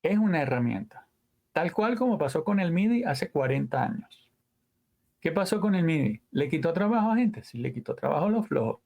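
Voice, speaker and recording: A man, a guest audio engineer telling stories in a casual interview, animated and full of sound words and trailing asides. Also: fairly high pitch, normal speed, gravelly, lo-fi sound.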